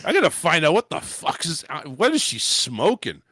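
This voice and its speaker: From a home studio in Florida, a podcast host with a slightly high, sharp voice and huge pitch swings talks at normal speed on a dry, studio-quality recording. His casual comedy show is crude and profane, rambling through recaps of celebrity gossip and news.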